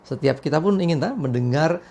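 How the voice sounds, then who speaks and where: A woman pastor from Indonesia giving a morning devotional sermon as a lively storyteller, briefly acting out the people in the story. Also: sits low, brisk, a little hiss or hum.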